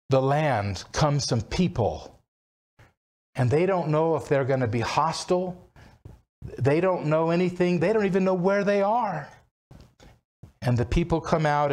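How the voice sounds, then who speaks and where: A pastor in his sixties stands behind a wooden pulpit on an indoor church platform, retelling a story conversationally in his sermon and frequently restarting his sentences. His slightly high voice has a darkish tone, and he speaks animatedly but a little slowly, with long pauses, into a pulpit-mounted microphone.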